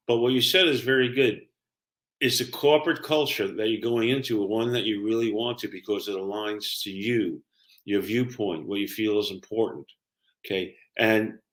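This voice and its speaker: Older Brooklyn man with a low voice. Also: a bit bright. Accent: New York, Brooklyn. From Brooklyn, New York. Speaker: career coach, guest. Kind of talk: conversational explaining and personal storytelling.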